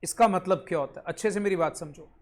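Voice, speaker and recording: Speaking fast in a high-pitched, somewhat dark voice, a male commerce teacher runs an online lecture. His Hindi carries a Punjabi influence, and he goes over points again, tests his students with questions, and occasionally tells them off.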